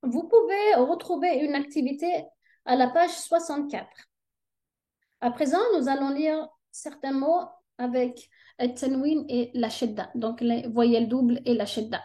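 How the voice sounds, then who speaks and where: Patient woman teacher, warm high voice, unhurried tutorial delivery. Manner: patient, checks understanding with frequent "ok?". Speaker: Arabic reading teacher. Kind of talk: step-by-step tutorial lesson.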